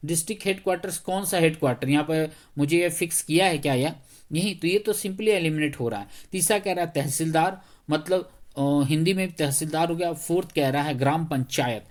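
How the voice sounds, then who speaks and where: A man's voice: a little high, fairly quick. Slightly unwell man explaining exam questions. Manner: conversational, checks in often with rhetorical questions. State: slightly unwell, speaking slowly. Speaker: teacher.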